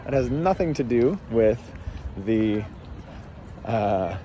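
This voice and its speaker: Speaking slowly in a mellow, expressive mid-range voice, this male podcast host and life coach rambles through a lengthy personal story with plenty of fillers and false starts. English is his first language, and a faint hiss or hum is audible.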